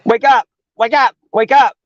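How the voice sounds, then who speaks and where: A man's voice: high voice, a little slow, dry recording, lo-fi sound, voice pushed up. A man voicing a reckless fifth-grade boy who talks in a crude, taunting way.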